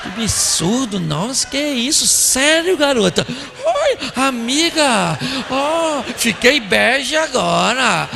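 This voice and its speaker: A man voicing adult women gossiping, high-pitched and gushing with exclamations. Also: sing-song, takes it slowly, gravelly, noisy background, heavily acted. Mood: gossipy.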